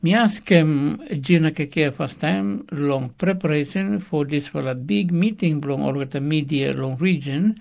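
Male radio newsreader, Solomon Islands Pidgin accent and manner, raised pitch, fry in the voice. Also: a little slow, few pauses, a little mellow. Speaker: radio news presenter and interviewer. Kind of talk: news reading and interviewing in Solomon Islands Pijin.

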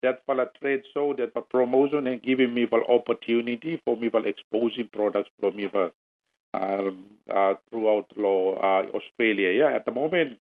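A man with a Solomon Islands accent answering interview questions haltingly in Solomon Islands Pijin mixed with English. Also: medium pitch, steady tone. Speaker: company marketing manager being interviewed. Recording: tinny, phone-like radio audio.

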